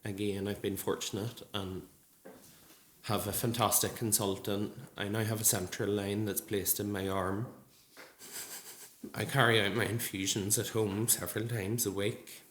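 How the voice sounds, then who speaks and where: A man in his early thirties speaks in a low voice, earnest and measured, pausing on ums as he gives his testimony. He is heard in an echoey hall with a faint murmur of ambience behind him. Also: flat delivery, fairly bright tone, a little hiss or hum. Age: 30s. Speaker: nurse speaking at a support group event. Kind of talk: personal testimony speech. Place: large gallery hall.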